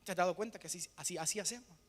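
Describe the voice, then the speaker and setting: Male preacher, high bright voice, rhetorical call-and-response questions, hushed then loud, echoey hall reverb. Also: racing. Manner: swings between hushed and loud emphatic bursts. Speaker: pastor. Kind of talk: sermon.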